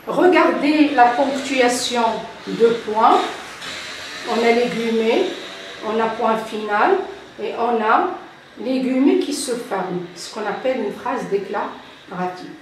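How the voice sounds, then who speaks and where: An older woman teaches grammar at an unhurried, deliberate pace, repeating each key term. Her voice sits a little high. It echoes around a bare room and sounds like it comes from a few steps back from the mic. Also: distant mic, a little hiss or hum. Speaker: French teacher. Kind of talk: classroom grammar lesson.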